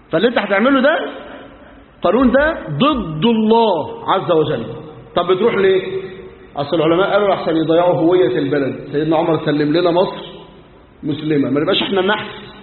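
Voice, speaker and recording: A high-voiced Egyptian sheikh preaching at a quick clip, switching into the voices of the people in his stories and firing off rhetorical questions. The sound is thin and phone-like, with a long echo from a big hall. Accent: Egyptian Arabic. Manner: colloquial storytelling, acting out dialogue, emphatic rhetorical questions. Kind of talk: sermon.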